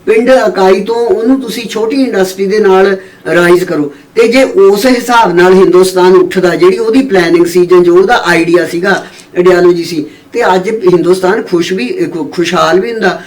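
A woman's voice: mid-range voice, normal speed, few pauses, darkish tone. A woman author speaking as an interview guest, emphatic and often checking agreement with tag questions. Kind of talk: conversational interview. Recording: echoey room from far off.

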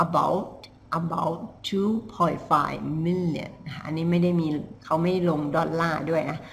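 A woman teaching English pronunciation, explaining in Thai and repeating English phrases slowly and carefully. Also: low voice, fairly even intonation, vocal fry, a little hiss or hum.

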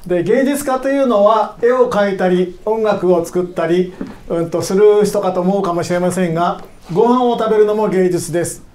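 Male lecturer, halting and filler-heavy, roomy hall sound with a faint hiss. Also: high voice, a little mellow. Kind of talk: talk to children. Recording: echoey hall, faint noise.

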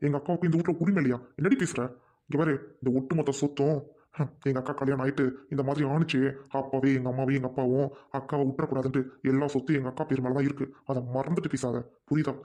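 A man's voice: medium pitch, fairly even intonation, quick pace, warm tone, close to an everyday voice. A man playing a devoted, hot-tempered younger brother who urgently pleads with his widowed sister. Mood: pleading.

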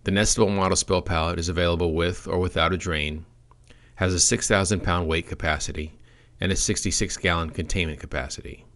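Male product trainer with a deep voice, reading a script with dry, deadpan humor. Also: fairly quick.

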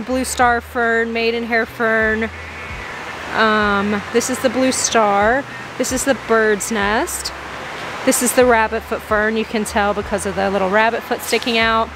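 Gushing young woman in a greenhouse. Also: fairly high pitch. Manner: gushing, exclaiming over plants, reading prices aloud. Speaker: plant vlogger. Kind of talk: excited plant-shopping vlog. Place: large indoor greenhouse nursery. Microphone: handheld phone camera. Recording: steady background noise.

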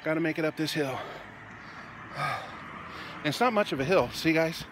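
A man's voice: fairly high pitch, normal speed. Winded man on a night walk. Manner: tired, winded, chatty. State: out of breath. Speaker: vlogger. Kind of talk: casual walking vlog. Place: dark residential street outdoors at night. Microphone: phone held at arm's length. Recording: noisy outdoor phone recording.

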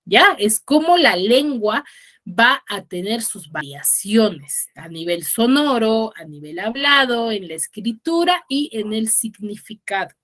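A woman's voice: on the high side, animated, slow, a bit bright. A woman with a Peruvian accent from Huaraz, a secondary school teacher explaining a lesson in an online class and often checking with her students. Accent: Peruvian Spanish, Huaraz. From Peru. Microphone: video call.

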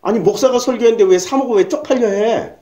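A woman's voice: fairly high pitch, fast, dark tone. A woman pastor preaching a sermon in a blunt, emphatic way, firing rhetorical questions and dropping coarse slang. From South Korea.

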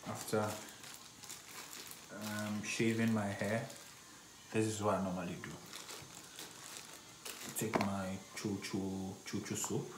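Brief: young Ghanaian man, casual phone vlog, unhurried speech, loud noisy background. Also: lowish voice, level tone. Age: young adult. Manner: chatty, thinking aloud, frequent laughs. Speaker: student vlogger. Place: grocery store and bus stop.

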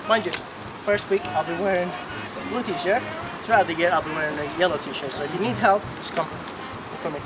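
A man's voice: a little high, a little fast, very noisy. A young man, a third-year student helper, answering interview questions outdoors in an earnest, helpful way. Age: young adult. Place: outdoors on campus. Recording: loud music under the voice.

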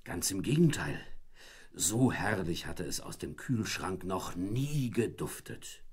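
A man tells a children's story with playful energy. His husky voice rises and falls in wide, animated swings. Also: deep voice, slow. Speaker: narrator.

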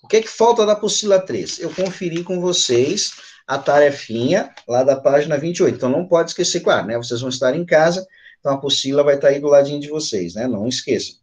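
A little high and a little mellow, this man's voice comes across animated and fast. In his forties and carrying a Brazilian accent, he teaches English online from a small room at home or a study with bookshelves, patiently breaking things down step by step, adding little checking tags, and alternating Portuguese with English over his computer's video-call mic.

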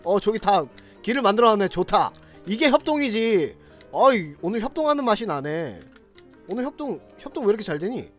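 Loud hyped guy yelling through a co-op game, voice jumps all over, faint music behind. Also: high-pitched, fairly quick. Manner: loud, excitable, shouting and laughing often; talks to viewers directly. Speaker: game streamer. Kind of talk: gameplay commentary.

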